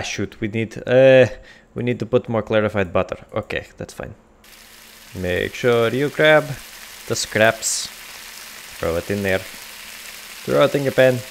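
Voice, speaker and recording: Guy doing a jokey fake russian accent, lowish voice, rambling to himself. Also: gravelly, a little hiss or hum, rough recording. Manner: put-on comic Russian accent, dropping articles; rambling, jokey, talks to himself while cooking. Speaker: gamer playing a cooking game. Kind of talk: casual gameplay commentary.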